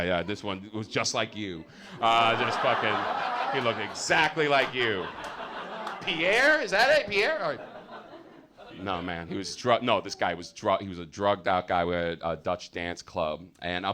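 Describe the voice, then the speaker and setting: A young American man doing a stand-up comedy set on stage, loud and swearing, his voice jumping high on punchlines. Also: noisy background. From United States. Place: comedy theater with a live audience.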